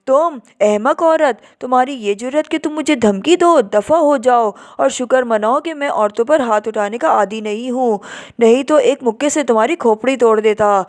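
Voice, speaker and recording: A woman's voice: a little high, hardly any pauses, a little mellow, natural voice. A woman voicing a burly, hostile male guard in an audio story, speaking rudely and with threats. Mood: angry. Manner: rude, barking, threatening.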